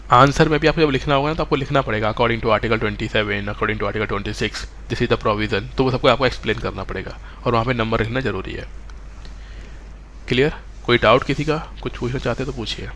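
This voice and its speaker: A man's voice: medium pitch, fairly quick, fairly bright tone, a little hiss or hum. A man teaching a live online exam-prep class, mixing English terms into Hindi and often checking that students follow.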